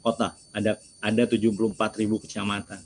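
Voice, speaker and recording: A man's voice: fairly low pitch, completely flat delivery, fast talker, slight background noise, rough recording. A man giving a lecture to students, asking rhetorical questions and answering them himself. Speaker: seminar speaker.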